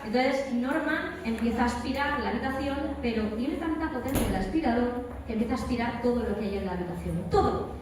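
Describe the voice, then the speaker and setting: A voice actress with a Spanish accent from Spain speaks as a guest on a live convention panel, expressive and brisk with a fairly high voice. She emphatically repeats words for stress while sharing anecdotes and advice. The large hall is echoey, the mic is distant, and crowd chatter fills the background.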